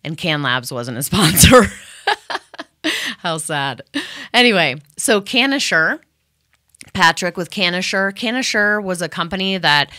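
Woman radio host, low voice, smooth clear tone, rambling with fillers. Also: animated, measured pace, long pauses, bright, forceful tone, dry recording, clean studio sound. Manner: rambling, many fillers and restarts. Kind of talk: casual thank-you to sponsors.

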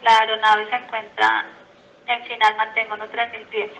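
A woman's voice: fairly high pitch, completely flat delivery, normal speed, creaky. A woman air traffic controller giving procedural instructions to aircraft over the radio. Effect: aviation radio.

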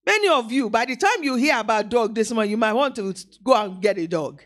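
In a church hall, a woman delivers a live sermon with animated energy, her high voice swooping widely. She acts out little scenes, calls out to the congregation, and talks fairly quickly.

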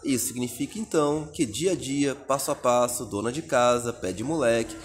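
Brazilian guy going over test answers one by one, steady middle voice, faint music behind. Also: mid-range voice, normal speed. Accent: Brazilian Portuguese. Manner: methodical, reads answer options aloud and explains each. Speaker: exam prep teacher. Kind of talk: recorded video lesson.

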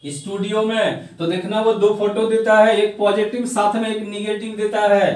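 High-voiced male teacher, echoey. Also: level tone, a little mellow. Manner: slow and emphatic, drawing out English words. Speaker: English grammar teacher. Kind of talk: classroom lesson. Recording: echoey room, far from the mic.

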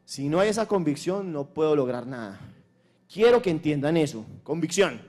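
A man's voice: on the high side, very animated, moderate pace, darkish tone. Emphatic Colombian man giving a talk. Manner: emphatic, repetitive, crude slang. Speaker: conference speaker. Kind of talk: motivational conference talk. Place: stage at a launch event.

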